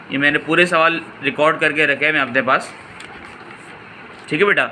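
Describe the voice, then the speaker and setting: A man's voice: fairly high pitch, bright, forceful tone, a little hiss or hum, poor audio. A man tutoring physics and walking through exam solutions. He calls students "beta" and answers his own questions as he explains.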